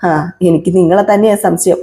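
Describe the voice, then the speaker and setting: A woman's voice: lowish voice, fairly even intonation, fairly quick, mellow, natural voice. A woman voicing a spiteful, scheming young woman who scoffs and sniffs with scorn. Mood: scornful.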